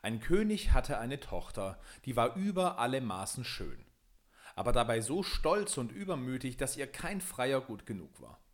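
A man reading a fairy tale aloud in a lively, expressive way. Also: medium pitch, moderate pace. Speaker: storyteller.

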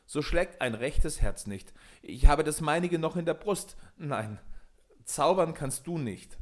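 A man voicing a young male charcoal burner in a fairy tale, speaking in a raised, lively voice. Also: a little high, a little slow, pitched above the performer's own voice. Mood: mocking.

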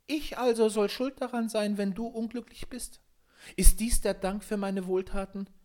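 A man voicing a small old male glass spirit who scolds in a high, reproachful voice. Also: fairly even intonation, moderate pace, mellow, close to an everyday voice.

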